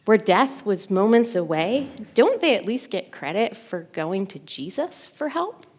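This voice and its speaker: A woman in her thirties preaching a sermon, telling the story expressively and swinging from urgent to hushed. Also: mid-range voice, big pitch swings, a little slow, slightly rough.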